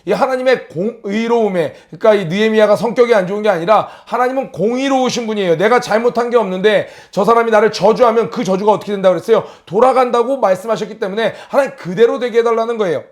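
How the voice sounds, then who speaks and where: A man's voice: high-pitched, quick pace, hardly any pauses. A male pastor preaching an online early-morning sermon, asking the listeners questions and acting out the voices of mockers. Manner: asks the listeners questions, acts out mocking voices. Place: church service streamed online.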